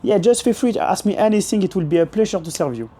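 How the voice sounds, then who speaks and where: A hoarse young man role-playing a polite male bartender in English. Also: high voice, lively intonation, quick pace, warm tone. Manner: formal, apologetic.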